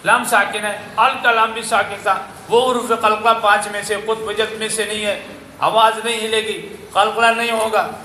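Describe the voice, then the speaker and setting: A man with a Pakistani Urdu accent teaching Quran recitation in a madrasa class, drilling single syllables and chanting verses slowly. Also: high voice, flat delivery, sharp tone, reverberant, slight background noise, rough recording. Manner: corrects pronunciation by repeating syllables, then chants verses slowly.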